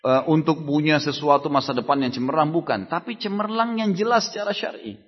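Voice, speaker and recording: Husky preacher in an echoey hall. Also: male voice, a little high, a little fast. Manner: conversational, acts out dialogues, rhetorical questions. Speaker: Islamic preacher answering questions. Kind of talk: sermon Q&A at a religious study gathering. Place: hall of a religious gathering. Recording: echoey hall, dull lo-fi sound.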